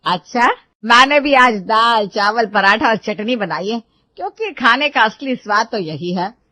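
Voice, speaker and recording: A woman voicing a sharp-tongued traditional mother-in-law who scolds loudly in a cartoon story. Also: animated, a little slow, dry recording. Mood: bossy. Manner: scolding, shrill and loud. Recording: dull lo-fi dry recording.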